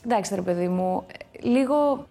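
A woman in her twenties sits as the guest in a relaxed interview. She talks freely and openly, often poking fun at herself, with a middling voice that sounds like her everyday speech. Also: mid-range voice, gravelly. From Greece. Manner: chatty and candid, quick to laugh at herself. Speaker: actress guest. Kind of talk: casual interview chat.

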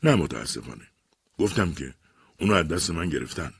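A man's voice: a bass voice, animated, creaky, slightly rough, full character voice. A man voicing a brusque, dismissive army major.

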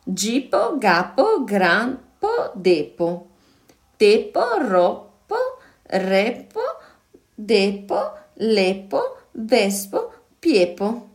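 A woman's voice: medium pitch, sing-song, very slow. A woman reading aloud puts on a huge, kindly storybook giant who talks in his own made-up tongue. He chants nonsense syllables in a big, playful, sing-song way. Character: huge gentle male giant speaking gibberish.

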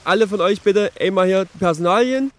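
A man's voice: high voice, brisk, voice pushed up, lightly acted. A man playing a stern, fussy pool attendant who scolds and stammers in a comedy sketch. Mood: scolding. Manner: scolding, stammers and repeats himself. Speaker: podcast host.

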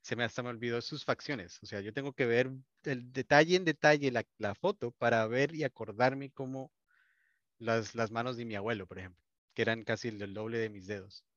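A man's voice: mid-range voice, a little fast, dry recording, dull audio. A Colombian man with a Colombian Spanish accent, a wedding videographer telling stories in a casual interview, with many restarts. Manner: warm storytelling, many restarts.

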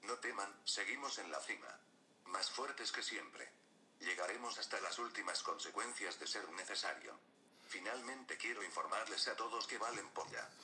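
A gloating, mock-sinister team spokesman, put on by a man, speaks through a voice changer with a dying battery. His voice sits fairly low, and he delivers a stiff formal announcement peppered with crude insults. The recording carries a clear layer of noise. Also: normal speed.

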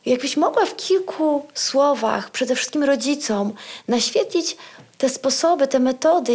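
A woman's voice: sits high, darkish tone. A woman hosting a podcast interview, asking questions and encouraging her guest with affirming murmurs. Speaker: podcast host.

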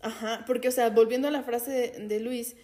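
A woman with a Jalisco Mexican accent whose voice sits a bit high. She reflects carefully in a casual conversation and circles back to restart her phrases as she builds her point. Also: steady tone, moderate pace, a little mellow. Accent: Mexican Spanish, Jalisco.

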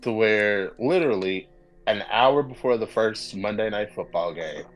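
A man co-hosting a podcast, talking casually and excitedly, often wandering off into side notes. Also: lowish voice, moderate pace, soft background music. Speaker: podcast co-host. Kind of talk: casual chat.

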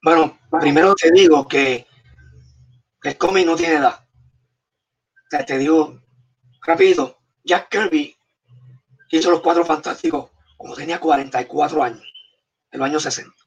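A man's voice: fairly high pitch, moderate pace, pauses often, husky. A man with a Puerto Rican accent, a comics artist telling stories and giving emphatic, punchy advice in a casual interview. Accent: Puerto Rican Spanish. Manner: emphatic, gives punchy advice in short commands. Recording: distant, dull, muffled mic.

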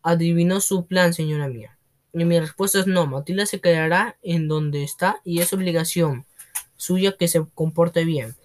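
A man's voice: on the high side, normal speed, lightly acted. A man voicing a domineering, scornful headmistress who roars and bullies in a storybook reading. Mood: scornful, bullying. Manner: roaring, contemptuous, bossy. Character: bullying domineering female headmistress, booming and scornful.

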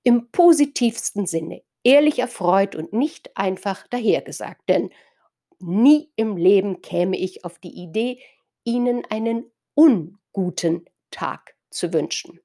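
A woman's voice: medium pitch, lively intonation, takes it slowly, warm tone. A woman from northern Germany delivering a reflective spoken essay, thoughtful and playful with words, addressing her listeners directly.

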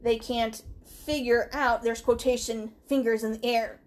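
A woman's voice: a little high, fairly even intonation, measured pace, darkish tone. A woman co-hosting a casual podcast, telling a true story in a chatty way, laughing and acting out quotes. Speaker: podcast co-host.

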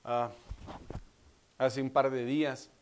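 A Guatemalan man preaching a sermon as pastor, swinging between loud fervent outbursts and soft, intimate pleading. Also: mid-range voice, flat delivery, slow, a little hiss or hum. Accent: Guatemalan Spanish. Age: young adult.

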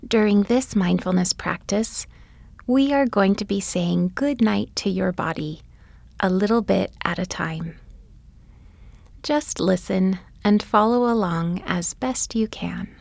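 A woman guiding a bedtime body-scan meditation, speaking softly and gently, often in a whisper. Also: mid-range voice, gravelly, dry recording. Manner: soft, often whispered delivery; gentle, soothing and unhurried. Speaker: meditation guide.

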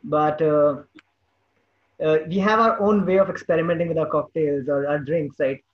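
Male podcast host, high voice, jokey rambling questions, dull lo-fi sound. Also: steady tone, normal speed. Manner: joking, rambling questions with many fillers. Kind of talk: casual interview chat.

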